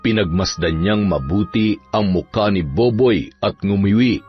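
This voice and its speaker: A man narrating a dramatic family story in a steady scripted reading. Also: fairly low pitch, measured pace, husky. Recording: dull audio, soft music behind.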